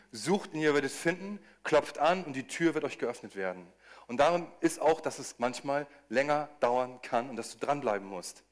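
Animated man preaching a sermon. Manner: animated, rising to emphatic high lines for quoted cries, with restarts.

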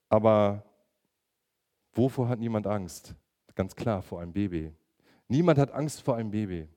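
A man's voice: medium pitch, dark tone. A middle-aged man preaching a sermon, emphatic and asking his listeners direct questions.

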